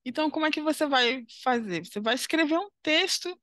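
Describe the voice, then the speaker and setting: A woman's voice: sits high, animated, a little fast, fairly bright tone, no room sound, studio quality. A woman with a Brazilian Portuguese accent, teaching a primary school lesson as she walks through a worksheet. She talks patiently and encouragingly, often checking in with the listener.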